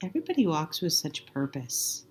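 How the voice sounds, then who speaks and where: A woman with a lowish voice chats loosely as a film plays, tossing out wisecracks and quick asides. A faint background hum sits under her voice. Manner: joking, animated, quick asides. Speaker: movie commentator. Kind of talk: casual movie-watching chat.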